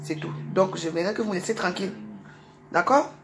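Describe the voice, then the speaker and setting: A woman's voice: lowish voice, noisy background. A middle-aged woman talking on her livestream, repeating fillers and stammering, then hurling insults in a heated rant. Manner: shouting insults, rapid and heated. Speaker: social media livestreamer.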